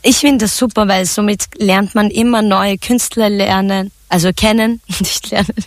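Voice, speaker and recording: A woman's voice: medium pitch, normal speed, dry recording. Woman from turkey chatting on the radio about her songs, laid-back, laughs a lot, dry close mic. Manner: relaxed, chatty, laughs often, many fillers. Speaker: singer and songwriter. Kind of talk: radio interview answers.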